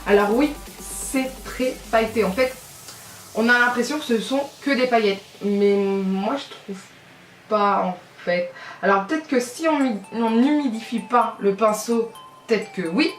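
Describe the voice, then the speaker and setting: A woman's voice: fairly high pitch, a little slow. Chatty french beauty vlogger lady, rambles and corrects herself a lot, roomy echo, bit far from mic, faint music behind. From France. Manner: rambling, self-correcting, chatty with many fillers. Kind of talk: casual makeup tutorial chat.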